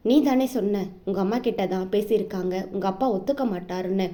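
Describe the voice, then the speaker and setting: A woman's voice: medium pitch, fairly quick, dark tone, close to an everyday voice. A woman reading a frightened young heroine. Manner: anxious, pleading.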